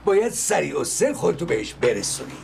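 An actor playing a bossy taxi agency dispatcher who lectures a new driver and sometimes shouts. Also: male voice, on the high side, big pitch swings, vocal fry, slight background noise, full character voice. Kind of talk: TV series acting.

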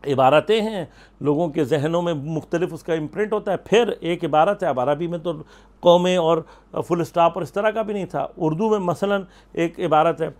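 A man's voice: on the high side, a little mellow. Man explaining scripture in a lecture. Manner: explanatory, rhetorical questions, quotes Arabic verses. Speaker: religious scholar. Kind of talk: Quran commentary lecture.

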